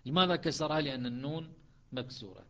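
A man teaching a lesson on Quranic readings, explaining step by step and slowing into chanted recitation. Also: mid-range voice, lively intonation, pushed and bright, muffled recording.

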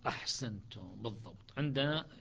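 A man's voice: medium pitch, animated, a little fast, vocal fry, fairly bright tone. Guy teaching a class, repeats stuff and checks everyone gets it, dull recording. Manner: explanatory, repeats words and checks students understand. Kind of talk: classroom lesson on Quran recitations.

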